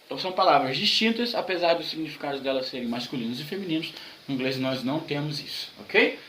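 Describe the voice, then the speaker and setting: A man's voice: fairly high pitch, lively intonation, fast, a bit bright, reverberant, a little hiss or hum, low-quality recording. A man from Brazil teaching an online English grammar lesson, explaining patiently and repeating examples.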